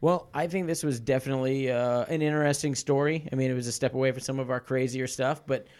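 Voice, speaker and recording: A man's voice: mid-range voice, fairly even intonation, quick pace, darkish tone. A man co-hosting a casual podcast, laid-back and laughing often as he chats. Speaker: podcast co-host. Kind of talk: casual chat.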